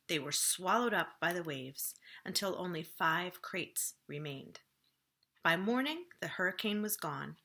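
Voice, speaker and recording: A woman reads a children's storybook aloud in a voice on the low side. Her phrasing is expressive and dramatic, often dropping softly at the ends of phrases.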